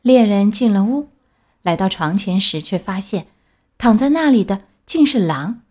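A woman reading a children's fairy tale aloud in a gentle, expressive storytelling manner. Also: medium pitch, measured pace.

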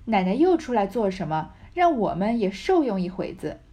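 A woman's voice: mid-range voice, very animated, moderate pace, mellow. A woman reading the lines of a cheeky young maid who jokes with her mistress, in a playful manner.

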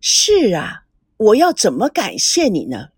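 A woman's voice: mid-range voice, huge pitch swings, unhurried, husky, no room sound, clean studio sound, full character voice. A woman voicing a courteous young man from a wealthy family. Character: polite young rich man, modest and courteous.

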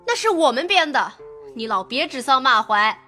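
An actress voicing a lively, quick-tongued young maid who talks back with sarcasm. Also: female voice, sits high, faint music behind, heavily acted. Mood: sarcastic. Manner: teasing, then sharp and sarcastic. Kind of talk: audio drama acting.

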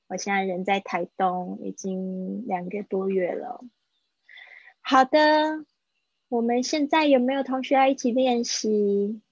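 A woman teaches English in a relaxed, chatty way, slowing down to model each phrase more than once. Her voice is a little husky and sits in an ordinary middle register. The livestream audio is dry and slightly dull. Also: mid-range voice, no room sound. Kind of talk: livestreamed language lesson.

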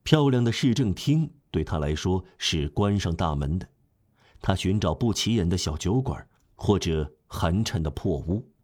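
A man narrating a classic novel as an audiobook in a steady, measured storytelling manner. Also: low-pitched, husky.

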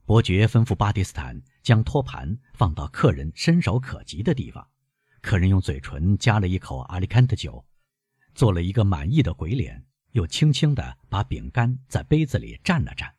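A male audiobook narrator with a very deep, husky voice tells the story expressively. His pitch rises and falls widely, and the recording is dry and close. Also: sing-song, normal speed, a little mellow, no room sound. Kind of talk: scripted narration.

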